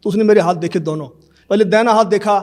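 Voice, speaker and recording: Man in his 50s, pretty high voice, earnest, telling his story in an interview. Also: quick pace, a little mellow. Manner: earnest storytelling, acts out remembered dialogue. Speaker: devotee giving testimony. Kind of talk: personal testimony in an interview.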